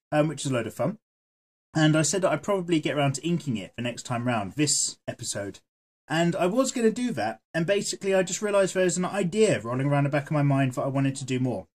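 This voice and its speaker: A man chatting casually while he draws, rambling and swearing freely as he goes, with a voice that is going hoarse. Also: on the high side. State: losing his voice. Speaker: art vlogger. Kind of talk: casual chat while drawing.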